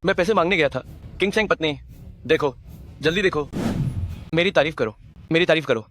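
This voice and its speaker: A man dubbing a young hidden war god who acts like a fool. His voice sits fairly high, and he talks very quickly. He switches between icy threats and silly, childlike chatter. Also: a bit bright, a little hiss or hum, close to an everyday voice. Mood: childish, silly. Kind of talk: Hindi dub of a drama.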